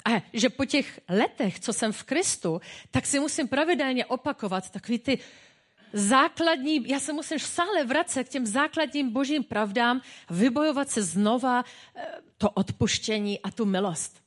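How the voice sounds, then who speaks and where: A woman pastor giving a sermon in a personal, humorous, conversational way. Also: high-pitched.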